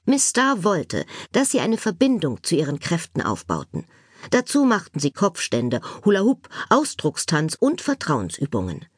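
Husky woman narrating a children's story. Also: on the low side, moderate pace, no echo, clean studio sound. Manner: expressive, playful storytelling. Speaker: audiobook narrator.

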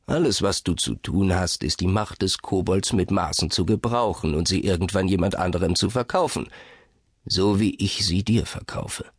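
A man voicing a weary old man who sighs heavily as he talks someone into buying a cursed bottle, speaking low and hushed. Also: normal speed, husky, no room sound, clean studio sound. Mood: weary, persuasive.

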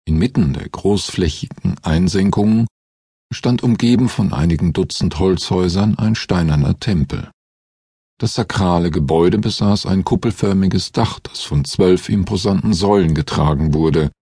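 A man narrating a science-fiction audiobook in a calm, measured reading. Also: low-pitched, breathy edge, no echo, clean studio sound. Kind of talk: scripted narration.

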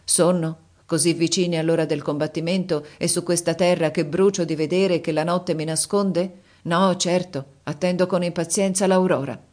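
Audiobook role: woman reading an idealistic young-hearted officer, earnest, low voice. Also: fairly even intonation, normal speed, few pauses, a little mellow, close to an everyday voice. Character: eager male officer, dreamy and idealistic.

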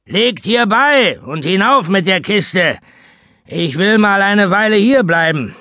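A man voicing a coarse, domineering old sea captain in a rough, barking sailor's manner for an audiobook. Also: sits high, expressive, slow, sharp tone, dry recording, voice pushed up, heavily acted. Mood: gruff.

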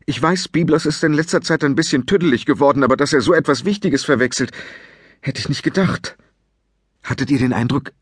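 A man's voice: mid-range voice, fairly quick, slightly rough, no echo, clean studio sound, lightly acted. A man voicing an earnest young giant boy in a children's audiobook, calling out eagerly and urgently.

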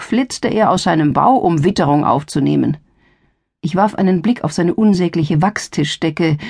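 Husky German woman reading a novel aloud. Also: sits low, dry recording, studio quality. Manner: lively first-person storytelling, acting out dialogue. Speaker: audiobook narrator. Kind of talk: scripted narration.

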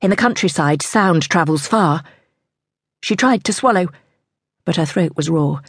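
Woman narrator, husky low voice, tense measured telling, dry close sound. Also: expressive, no room sound. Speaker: audiobook narrator. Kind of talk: scripted audiobook narration.

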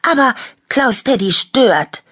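A woman's voice: sits low, animated, slow, a bit bright, breathy edge, no echo, studio quality, exaggerated voice. A woman voicing a jealous, pouting little toy girl with a whiny, indignant manner, in a storybook reading.

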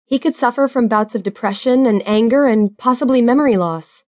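A woman's voice: fairly high pitch, brisk, darkish tone, no echo, lightly acted. A woman narrator voicing a worried, earnest young woman waiting for her fiancé to come home.

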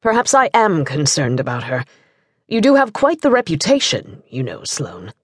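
A woman voicing a commanding young gentleman who speaks directly and with a quiet, cool menace. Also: fairly low pitch, sing-song, a little slow, slightly rough, no echo, studio quality, pitched below the performer's own voice, full character voice. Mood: mocking.

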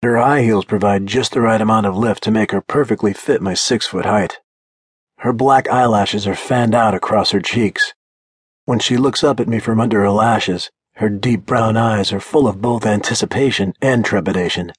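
A man's voice: fairly low pitch, moderate pace, breathy edge, no echo. A man narrating a first-person audiobook in a blunt, confident manner.

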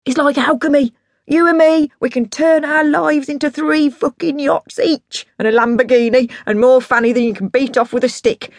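Pitched higher than her natural voice, a woman portrays a drunk, sweary, boastful middle-aged father with lofty musical dreams in an audiobook story, speaking at a normal pace with fairly even intonation. Her bombastic, declamatory delivery comes across as boastful and pleading, captured in clean studio sound with no echo.

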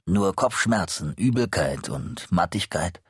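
A man voicing a middle-aged male psychologist in an audiobook, speaking smoothly, evenly and with quiet insistence. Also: low-pitched, animated, a little slow, dry recording, clean studio sound, heavily acted. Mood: measured. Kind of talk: audiobook character reading.

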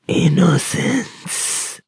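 A man voicing a sinister cloaked creature that feeds on souls, speaking in a low, lisping voice with slow, hissing menace in an audiobook. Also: animated, creaky, darkish tone, slightly rough, no room sound, studio quality, heavily acted. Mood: menacing. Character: sinister cloaked male soul-devouring creature. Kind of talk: audiobook character voice.

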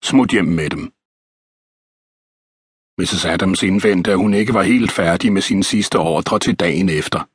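A man reading a historical novel as an audiobook narrator, in a measured, even storytelling manner. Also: sits low, husky, dry recording, studio quality.

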